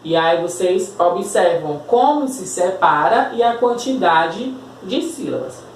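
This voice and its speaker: Speaking slowly with a lowish voice and lively intonation, this Brazilian schoolteacher records a remote class lesson in her Brazilian Portuguese accent. She spells words patiently and uses tag questions to check in, with slight background noise, room echo, and some distance from the mic.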